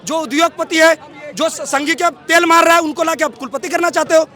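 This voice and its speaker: Heated male student leader, high-pitched and fast. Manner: heated and defiant, shouting over a crowd. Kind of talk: agitated street protest interview. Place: outdoor street protest. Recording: crowd noise at an outdoor protest. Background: crowd noise.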